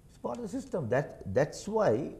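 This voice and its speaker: Emphatic Sri man, lively pitch. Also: normal speed, gravelly. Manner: emphatic, insistent, keeps asking "right?". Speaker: political commentator guest. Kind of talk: studio news interview.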